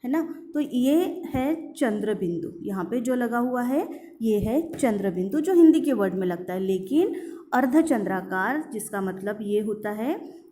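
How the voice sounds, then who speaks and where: Woman teacher, grammar lesson, fairly high voice, mellow tone, repeats examples, asks rhetorical questions. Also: animated, measured pace. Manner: mixes English words into Hindi.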